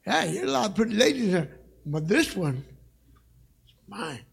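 In a church sanctuary, a middle-aged man with a raspy, high, sing-song voice preaches as a guest evangelist at a moderate pace, with a slight hiss or hum in the audio. He's passionate yet conversational and trades jokes with the congregation.

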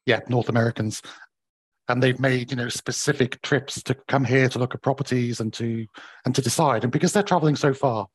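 A man with a croaky, hoarse, still-recovering voice, explaining things haltingly as a company director being interviewed. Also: medium pitch, no echo. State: voice recovering from bruised vocal cords. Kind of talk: conversational market update interview.

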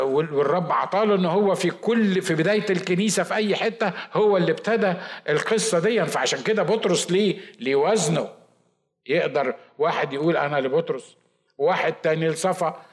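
A man with an Egyptian Arabic accent, preaching a Bible study sermon in a lively, talkative way with asides and mock quotes. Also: fairly high pitch. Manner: says he shouts and talks fast. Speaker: pastor.

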